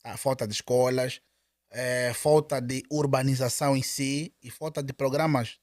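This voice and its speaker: In a dry, studio-quality recording, a man with an Angolan Portuguese accent answers casually as an interview guest. His voice is medium-pitched and darkish with fairly even intonation at normal speed, and he speaks hesitantly, repeating words and restarting often.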